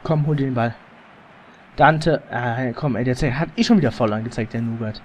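A man casually commentating his own football video game as he plays, excitable and quick to swear and groan at mistakes, through a slightly overdriven mic. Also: mid-range voice, muffled recording, a little hiss or hum. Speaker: let's play gamer. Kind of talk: casual live gameplay commentary. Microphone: headset or desk mic, slightly overdriven.

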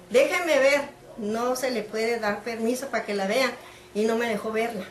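A middle-aged woman from Mexico, telling an interviewer what happened to her daughter and acting out the dialogue as she goes. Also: a little high. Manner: animated storytelling, acting out quoted dialogue. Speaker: interviewee, mother of the detained woman. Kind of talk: emotional personal account. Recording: echoey room.

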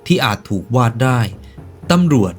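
At a moderate pace, a man running a YouTube reaction video offers casual, slangy commentary with joking asides and some narration. Soft music plays in the background.

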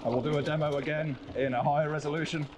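Outdoor noise and clicks fill this clip of a man demonstrating an action camera live along a woodland bike trail. His pitch is fairly high, his intonation mostly even, and his pace quick.

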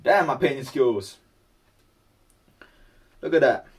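A man chats loosely while he paints, rambling on and talking to himself. His voice sits at an everyday middle pitch. He sounds distant, picked up far from the microphone. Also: animated, slow. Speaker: vlogger. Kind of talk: casual chat while painting.

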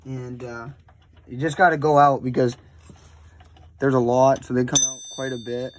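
A man's voice: mid-range voice, little pitch movement, normal speed. A young man narrating a casual, rambling how-to while working on a machine in an indoor garage, recorded on a handheld phone. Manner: rambling, offhand, with many fillers. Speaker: snowmobile DIY vlogger.

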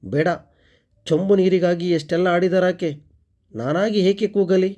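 Guy doing a proud hurt young housewife talking to herself, clipped, mellow tone. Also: high-pitched, steady tone, unhurried, dull audio.

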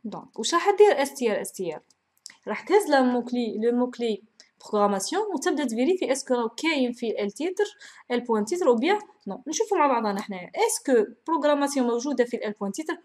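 A woman's voice: on the high side, big pitch swings, rapid-fire, darkish tone. A woman lecturer with an Algerian Arabic accent, walking through a programming procedure, mixing in French terms and asking and answering her own questions.

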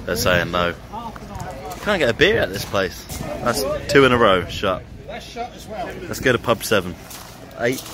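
A man's voice: on the low side, wildly swooping pitch, measured pace, long pauses, crowd noise. A young man from England filming himself on a pub crawl, talking casually to a handheld camera, chatty and joking. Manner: chatty, laughs often, jokey. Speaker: vlogger. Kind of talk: casual vlog narration. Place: outdoors and in busy pubs. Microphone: handheld camera mic at arm's length.

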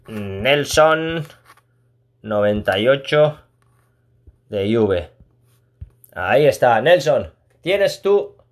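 A man chats casually while streaming a mobile game. He reads his chat aloud, talks warmly to viewers, and laughs often. He is talking a room at home. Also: fairly high pitch.

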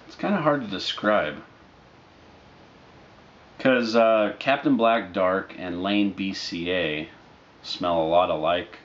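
A man in his thirties chatting casually to camera as a reviewer, in a laid-back, halting, unscripted way. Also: low-pitched. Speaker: product reviewer. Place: living room, indoors, on a couch. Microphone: camera mic a short distance away. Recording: dull lo-fi audio with noticeable background noise.

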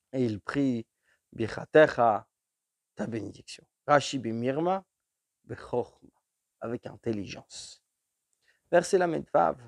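A man teaching a verse-by-verse text study, reading each Hebrew phrase and then slowly translating it into French, with frequent restarts. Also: mid-range voice, gravelly, dry recording, clean studio sound. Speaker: Torah teacher.

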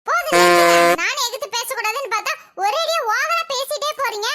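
A performer voicing a cheeky, defiant young wife in a cartoon who answers back with insults. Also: very high voice. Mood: sassy. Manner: sassy, insulting, quick retorts. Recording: loud background noise.

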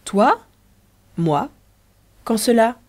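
A woman's voice: fairly high pitch, big pitch swings, drawn-out words, voice pushed up, full character voice. A woman reading the part of a playful young wife with a teasing, arch manner.

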